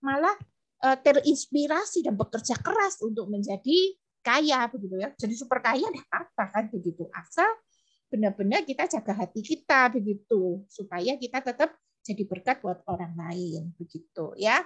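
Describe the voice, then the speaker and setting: A woman's voice: fairly high pitch, expressive, moderate pace, breathy edge. A woman in a network marketing role giving a motivational business talk, emphatic, repeating her points and tag phrases.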